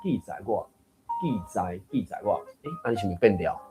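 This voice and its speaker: A man's voice: lowish voice, expressive, normal speed, mellow, faint music behind. A man leading an online reading group, patiently explaining tone changes and correcting readers by repeating example words one at a time.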